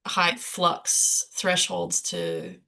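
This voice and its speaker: A woman's voice: lowish voice, sing-song, very slow, creaky, bright, forceful tone. A woman chairing a conference session, friendly and enthusiastic with hesitant restarts, her voice worn from losing it. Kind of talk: conference Q&A chat.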